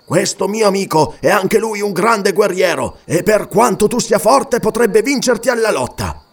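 A man voicing an older male hunter who speaks in a measured, persuasive way in an audiobook. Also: sits high, expressive, vocal fry, full character voice. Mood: earnest.

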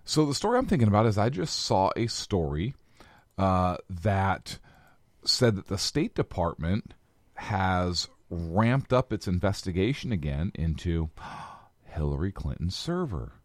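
A man's voice: low-pitched, sing-song, measured pace, dry recording. A man co-hosting a political talk show in a small studio, chatting casually and tossing in wry quips.

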